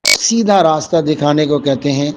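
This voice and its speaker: A man's voice: on the high side, a little hiss or hum, rough recording. A man teaching a vocabulary lesson, explaining English words one by one with Urdu and Hindi meanings and calling his listeners dear students.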